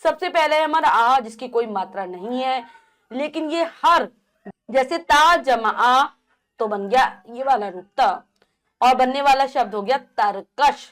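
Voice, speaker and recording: Patient woman teaching children letters. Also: sits high. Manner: patient, slows down to spell out letter sums; addresses children directly, asks and answers own questions. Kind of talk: children's grammar lesson.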